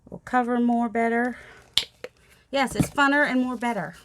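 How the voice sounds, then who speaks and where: This mixed media artist, a woman in her forties, has a fairly high, youthful and childlike voice with fairly even intonation and a moderate pace. Background noise runs under her casual crafting vlog narration. Painting at a craft table at home, filmed from overhead with just her hands in view, she chats with rambling, self-deprecating asides.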